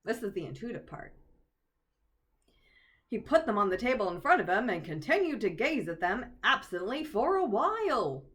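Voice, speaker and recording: A woman's voice: a little high, big pitch swings, normal speed, fairly bright tone. A woman reading aloud and guiding a meditation in a casual way, joking between passages and laughing at her own asides. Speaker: oracle card reader and storyteller.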